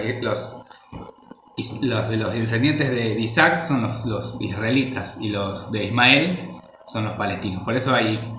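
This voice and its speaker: A man's voice: medium pitch, fairly bright tone, echoey room, a little hiss or hum. A man giving an informal Bible teaching, rambling and repeating words as he searches for the next phrase.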